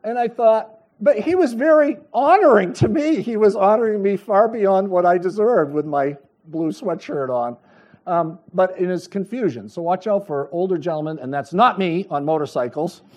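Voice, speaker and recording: A middle-aged man preaching a sermon, telling a personal story with lively storytelling and acted-out dialogue. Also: high voice, moderate pace. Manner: animated storytelling, acts out dialogue, chuckles. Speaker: pastor.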